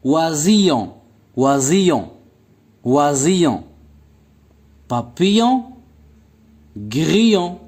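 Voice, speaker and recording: A man leads a phonics lesson, repeating each word slowly and clearly. His voice sits a little high and rises and falls a lot. He mixes French with Arabic as he explains. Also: darkish tone. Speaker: teacher. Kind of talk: slow, repetitive phonics lesson.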